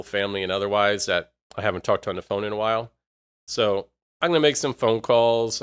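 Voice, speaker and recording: A man's voice: lowish voice, a bit bright, clear, resonant tone. Rambling, slightly worn-voiced man. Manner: rambling, reflective, with many fillers and restarts. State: voice a bit worn. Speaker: podcast host. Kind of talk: casual solo monologue.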